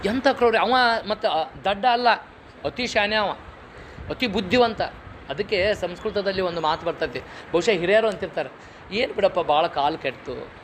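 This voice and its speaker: A middle-aged man with a North Karnataka Kannada accent giving a public moral lecture, full of lively rhetorical questions and folksy home anecdotes. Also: high-pitched, normal speed, slight background noise.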